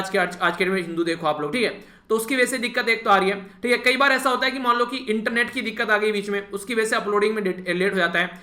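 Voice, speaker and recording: A man teaches an exam-prep lesson at a brisk pace. His voice sits high and sounds bright and forceful. The room around him echoes. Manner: repeats "thik hai" as a filler, addresses students directly. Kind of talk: casual spoken lecture.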